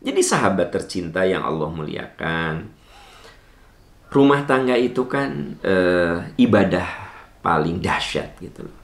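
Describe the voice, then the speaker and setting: Deep, animated male preacher. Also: a little slow, gravelly, long pauses, echoey room. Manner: animated, swooping pitch, rhetorical questions. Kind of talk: sermon answering a listener's question.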